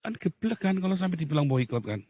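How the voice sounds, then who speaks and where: A man from Indonesia talking in a heated, casual monologue, blunt and mocking, swinging from loud outbursts to low muttering. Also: sing-song, fast talker, no echo. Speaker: talk show speaker.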